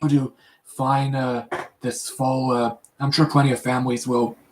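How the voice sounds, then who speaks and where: A man chats casually on a live stream, and he keeps restarting his sentences with repeated words and lots of ums. His pitch sits in the middle for a man. The sound has a roomy echo. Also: flat delivery, a little hiss or hum. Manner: halting, many repetitions and fillers. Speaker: live chat host. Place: his room.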